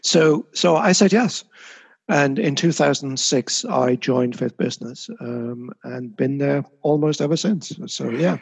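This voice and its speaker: A communications consultant, appearing as a guest in a casual interview, reflects on his career and often restarts his sentences. His mid-range voice is slightly rough with vocal fry, and he speaks at a measured pace.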